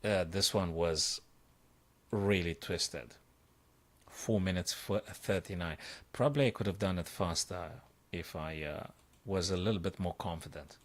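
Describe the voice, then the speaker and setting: A man working as a chess coach, solving puzzles live on a stream. He thinks aloud, breaks into excited exclamations and repeats himself as he talks. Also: low voice, a little slow.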